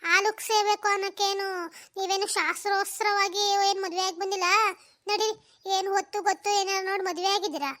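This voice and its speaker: A woman voicing a sharp-tongued village mother-in-law who curses and wails loudly in a cartoon. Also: extremely high pitch, steady tone, quick pace. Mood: bossy angry. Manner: loud cursing rants, wailing complaints. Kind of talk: cartoon voice acting.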